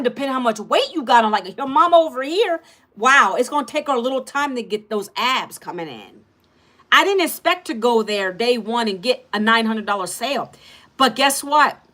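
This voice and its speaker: Speaking straight to her audience on a relaxed livestream, a middle-aged woman energetically promotes an online course. Her voice comes across as pushed and bright.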